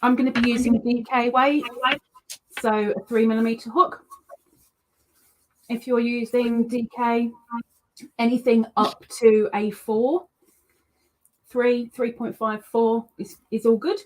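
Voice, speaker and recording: A woman's voice: on the high side, flat delivery, slow, long pauses, darkish tone, slight background noise. Echoey remote co-host woman, chatty. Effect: echoey sound on her audio. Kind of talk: casual crochet tutorial chat.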